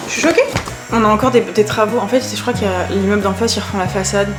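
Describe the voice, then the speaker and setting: A tired young woman from France talks fast into a handheld phone while out on errands and at home. Her chat is casual and self-mocking, full of rambling asides, and music plays clearly behind her. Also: medium pitch, fairly even intonation. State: exhausted. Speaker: vlogger. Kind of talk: casual vlog chat to camera. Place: car, shops and home, moving around.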